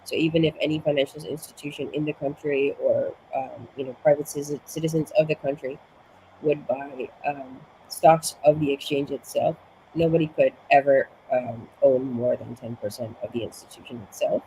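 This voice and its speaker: A woman from Suriname, a guest in a casual interview, explains at length with many restarts, slightly out of breath because she's been sick. Her voice is very deep and dark, with fairly even intonation and a normal speed, and the rough recording carries slight background noise.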